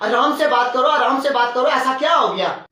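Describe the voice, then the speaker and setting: A man voicing an exasperated brother who tries to calm a shouting woman in a comic sketch. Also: very high-pitched, a little fast, exaggerated voice. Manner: exasperated, placating. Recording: roomy and distant.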